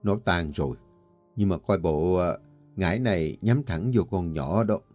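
Grave old male exorcist, low mellow voice, slow and authoritative, done by a man narrator. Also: lively intonation, faint music behind, natural voice. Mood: weary.

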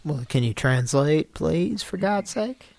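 A man's voice: a little high, lively intonation, vocal fry, darkish tone. A man hosting a live comedy stream, firing off jokey, random questions. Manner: jokey, quick-fire questions. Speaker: host.

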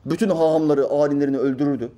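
A man's voice: fairly high pitch, fairly even intonation, very fast, dark tone, slight background noise. A man reading out a news article and rebutting it in an emphatic, preacherly commentary full of rhetorical questions. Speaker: religious commentator.

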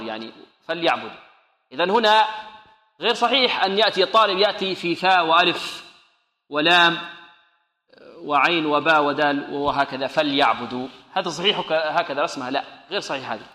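A man teaching Quran recitation rules, asking questions and answering them himself, and slowly demonstrating each sound. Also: fairly high pitch, sharp tone, echoey room, long reverb tail. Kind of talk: tajweed lesson with students repeating.

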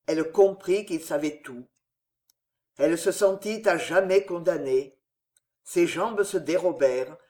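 A narrator reading a historical novel aloud in a dramatic, measured manner. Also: medium pitch, darkish tone. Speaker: audiobook narrator.

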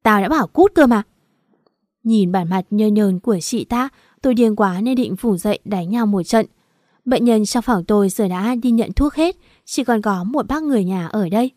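A woman's voice: mid-range voice, normal speed, warm tone, no echo. Lady reading a story in first person, earnest and bitter, dead dry sound. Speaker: audiobook narrator.

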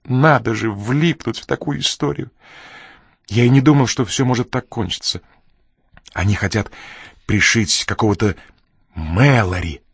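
A man's voice: a little slow, gravelly, pauses often, husky, dry recording. A man voicing a frightened, nervous man in an audiobook, pleading and close to tears. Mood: anxious. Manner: shrill, pleading, frantic outbursts.

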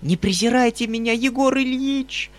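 A man's voice: very high voice, moderate pace, pitched above the performer's own voice. A man voicing a cowardly young nobleman who begs and whines, close to tears. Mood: tearful pleading. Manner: whining, begging.

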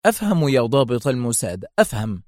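A man reading a story aloud, voicing a calm, stern and mocking male station chief who answers with provoking indifference. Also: on the high side, a little fast, no echo, clean studio sound, lightly acted. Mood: cold.

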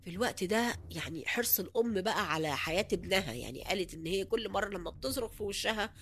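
A woman's voice: medium pitch, lively intonation, quick pace, fairly bright tone, a little hiss or hum. A woman with an Egyptian Arabic accent telling a horror story in a casual, conversational way, with many hesitant fillers and restarts.

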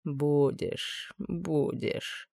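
A woman voicing a scheming, menacing older male judge with a low, insinuating purr. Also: very slow, vocal fry, mellow, husky, no echo, heavily acted.

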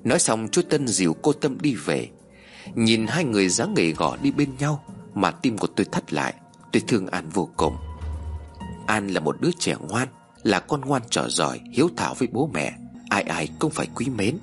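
Speaking in the first person, a deep-voiced man recounts a frightening story at a steady, solemn pace. Quiet music runs beneath him while his pitch swings expressively.

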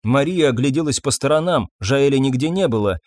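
A man narrating an audiobook in a measured storytelling manner. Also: mid-range voice, expressive, no echo, studio quality. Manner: measured storytelling, voices figures himself. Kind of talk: scripted narration.

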